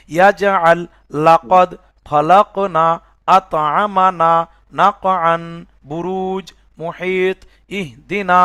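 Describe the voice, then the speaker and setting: In this recitation lesson, a man with a high, somewhat bright voice teaches Quran reading by splitting words into letters and vowel marks. He checks with "বুঝে আসছে?" that the student keeps up, and the studio-quality audio has no room sound.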